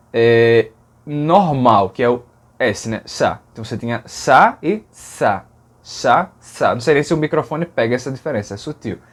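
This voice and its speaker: Brazilian man explaining speech sounds. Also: mid-range voice. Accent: Brazilian Portuguese. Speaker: linguistics educator. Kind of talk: casual educational explanation.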